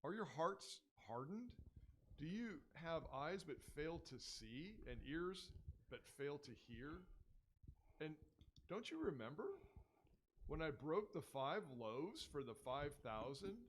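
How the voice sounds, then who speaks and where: A man reading a Bible passage aloud to a class, giving the quoted speech expressive inflections. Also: on the high side, slow, slight background noise. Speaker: scripture reader in class.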